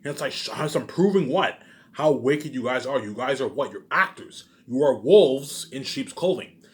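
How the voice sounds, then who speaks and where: A vlogger with a mid-range, expressive voice talks at a moderate pace, rambling emphatically straight to his viewers. He's repetitive, profane and accusatory, peppering his points with muttered tag words.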